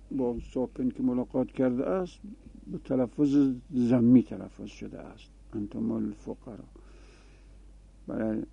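Explaining grammar rules to a class, this Arabic teacher repeats example forms aloud in a mid-range male voice with vocal fry and a slight roughness. The audio sounds thin and phone-like, with no room sound.

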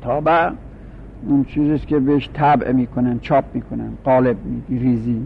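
A man teaching a grammar class, explaining slowly and repeating each form for his students. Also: medium pitch, little pitch movement, gravelly. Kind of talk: classroom lecture. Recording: dull lo-fi recording with faint hum.

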